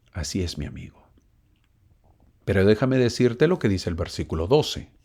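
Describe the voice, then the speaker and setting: A man's voice: fairly low pitch, darkish tone. A man teaching a church lesson, telling stories, asking listeners questions and reading verses aloud. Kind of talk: recorded scripture lesson.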